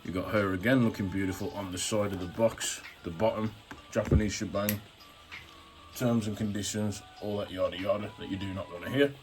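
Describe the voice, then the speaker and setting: A man with a low-pitched voice presents an unboxing review in a chatty, informal way. He piles on superlatives as he talks to his viewers, with music playing behind him. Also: fairly even intonation, fairly quick, poor audio. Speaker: YouTube toy reviewer and channel host. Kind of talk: casual action figure unboxing review.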